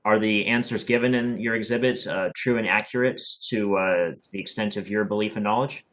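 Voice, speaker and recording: A man working as an attorney, formally examining a witness in a somewhat halting, careful way. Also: lowish voice, steady tone, fairly bright tone. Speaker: attorney for public counsel.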